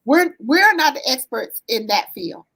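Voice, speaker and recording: A woman with a Southern US accent, a therapist guest answering interview questions in earnest conversational talk, often pausing on "um" and checking in with "right?". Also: high-pitched, very animated, husky, poor audio. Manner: earnest, warm storytelling with frequent "um" and "right?". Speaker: therapist, business owner guest.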